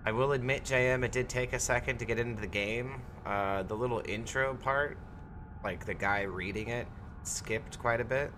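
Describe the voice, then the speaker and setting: A man streaming a horror game live, chatty and excitable, laughing often and greeting viewers by name. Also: fairly low pitch, background noise. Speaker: gaming streamer. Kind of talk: live-stream gameplay commentary.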